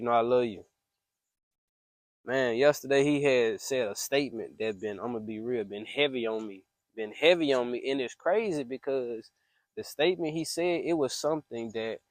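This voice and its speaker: A man's voice: mid-range voice, no echo. A man talking about his faith in an earnest, preachy, confiding way, recorded as a phone voice memo. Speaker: speaker venting about faith. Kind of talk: casual spoken reflection. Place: private room, voice memo. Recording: dry close voice memo.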